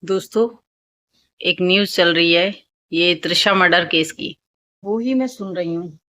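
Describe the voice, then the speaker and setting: A woman's voice: fairly low pitch, unhurried, sharp tone, rough recording. A woman, a mother, talking casually to her viewers from her home and calling them friends. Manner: chatty, keeps addressing viewers as friends. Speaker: vlogger, mother.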